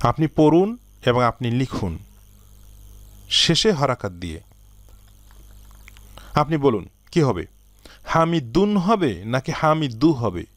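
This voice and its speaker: A man teaching an Arabic lesson, slowly reading out word lists and asking learners to answer. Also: medium pitch, no echo. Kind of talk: recorded language lesson.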